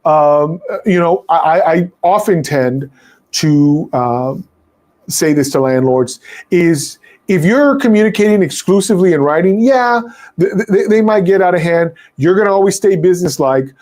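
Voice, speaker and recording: A slightly high-voiced male attorney. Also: expressive, normal speed, darkish tone. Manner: conversational, frequent fillers and restarts. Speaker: landlord attorney. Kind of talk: answering viewer questions.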